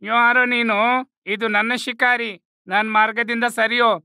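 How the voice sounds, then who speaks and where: A man's voice: very high-pitched, level tone, normal speed, creaky, bright, forceful tone, smooth, dry recording, heavily acted. A man voicing an arrogant male lion bully in a cartoon, speaking in a sneering, threatening way. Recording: music under the voice.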